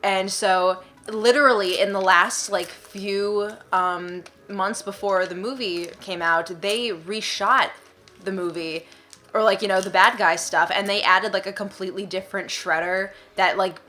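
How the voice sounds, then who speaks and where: A woman's voice: mid-range voice, steady tone, a little slow, pushed and bright. A young woman co-hosting a casual chat, rambling with lots of fillers and restarts. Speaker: co-host. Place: indoors, eating popcorn.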